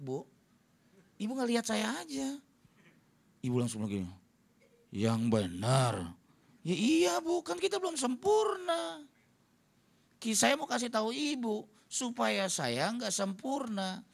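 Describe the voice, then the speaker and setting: A man's voice: high-pitched, vocal fry, fairly bright tone. A man preaching a humorous sermon as a pastor, telling stories and acting out what others said. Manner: storytelling, jokey, acts out quotes. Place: church hall.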